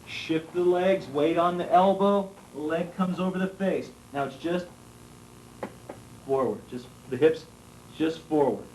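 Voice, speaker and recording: A man's voice: on the high side, measured pace. Man teaching armlocks on a worn VHS tape. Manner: calm, step-by-step explaining while demonstrating. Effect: worn VHS tape copy. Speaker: martial arts instructor. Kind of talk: instructional demonstration. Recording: faint hiss, roomy, voice from far off the camera mic on old tape.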